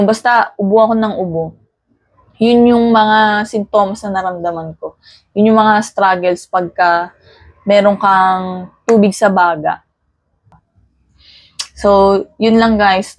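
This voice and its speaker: A woman's voice: mid-range voice, a little mellow. A young woman from the Philippines tells her own story in a casual vlog, plain-spoken and direct. She drops English words into her talk now and then. The sound is dry and close, with no room echo. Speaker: vlogger.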